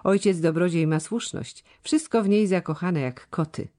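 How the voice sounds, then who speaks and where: A reader voicing an old treasurer who lisps and stammers, a sharp, scornful critic in an audiobook. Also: medium pitch, moderate pace, pitched above the performer's own voice, lightly acted. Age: older. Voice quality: lisping, stammering. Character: old male treasurer, sharp-tongued and grumbling. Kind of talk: audiobook character voice.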